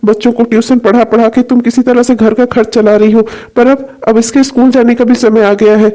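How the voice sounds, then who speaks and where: Guy voicing a stressed out jobless cartoon dad, high flat voice, kinda dark tone. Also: a little fast. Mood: despairing. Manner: anxious, despairing. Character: worried jobless husband and father. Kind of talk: cartoon dubbing.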